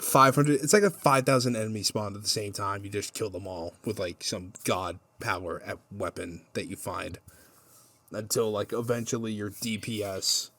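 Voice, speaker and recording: A man's voice: fairly low pitch, no room sound. A young man co-hosting a podcast, in a rambling, profane casual chat. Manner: profane, rambling, animated rant. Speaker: podcast co-host.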